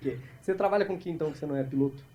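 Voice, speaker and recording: A man from Brazil doing improvised stand-up crowd work, talking fast and teasing the audience on a club stage. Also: on the high side, lo-fi sound. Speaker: stand-up comedian. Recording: live club recording with audible crowd noise.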